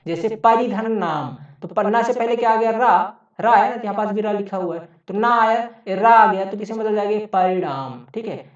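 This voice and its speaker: Male teacher, step-by-step lecture, quizzing the class, booming echo, mic set far off. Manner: explains step by step, repeating points as questions to the class. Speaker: exam-prep teacher. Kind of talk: classroom-style grammar lecture. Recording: very echoey room, voice far from mic, dull lo-fi sound.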